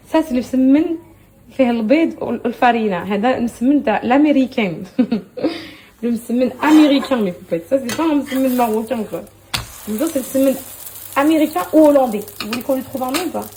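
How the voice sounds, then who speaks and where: Chatty excitable woman filming herself on her phone at home, kinda high voice, lots of noise in the background. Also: quick pace. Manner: chatty and excitable, addresses followers directly, laughs often. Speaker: lifestyle vlogger. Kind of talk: casual phone vlog chatter. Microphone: phone held at arm's length.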